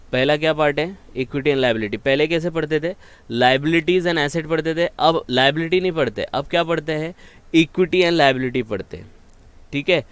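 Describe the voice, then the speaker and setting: A man's voice: medium pitch, clear, resonant tone. A man teaching accounting in a lecture. He quizzes the student with repeated questions and mixes English terms into Hindi. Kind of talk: explanatory lecture.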